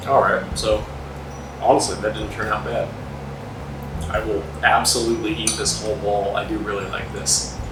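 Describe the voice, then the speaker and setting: A man's voice: fairly low pitch, little pitch movement, normal speed, long pauses, far from the mic, noisy background. A man chatting casually as a cooking vlogger, rambling and self-deprecating. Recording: roomy echo, off-mic, music behind.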